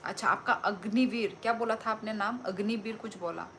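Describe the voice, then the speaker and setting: A woman's voice: medium pitch, brisk, a bit bright, slight background noise, poor audio. A woman from Tripura, hosting a casual livestream. She reads out viewer comments and answers them in a teasing, playful way. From Tripura, India. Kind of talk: casual live-stream chat.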